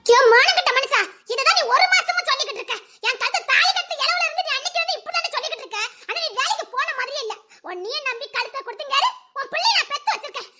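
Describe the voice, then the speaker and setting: Woman doing a shrill, scolding young wife. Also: animated, rapid-fire, hardly any pauses, background noise. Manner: shouting, taunting, mocking laughs.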